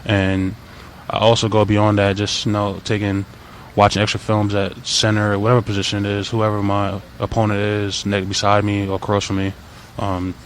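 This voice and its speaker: Low, flat-voiced young man. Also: slight background noise. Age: 20s. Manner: halting, soft-spoken, many fillers. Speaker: college football player. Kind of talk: media interview answers. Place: press availability.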